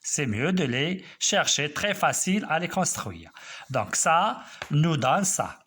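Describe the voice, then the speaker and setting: A man teaching a math lesson, explaining slowly step by step and checking that students follow. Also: on the high side, very animated, a bit bright, slight background noise.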